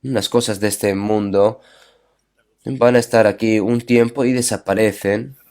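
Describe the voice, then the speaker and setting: In a fairly low, darkish voice with fairly even intonation and a measured pace, a man delivers a sermon with scripture readings. He tells stories, asks rhetorical questions, and constantly checks in with frequent tag questions.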